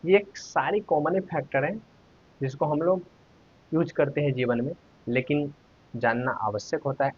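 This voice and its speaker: A man's voice: mid-range voice, breathy edge. A man teaching a Hindi grammar lesson online, asking the viewers questions and sounding out letters one at a time. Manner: asks questions to viewers, then answers them. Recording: dull lo-fi recording.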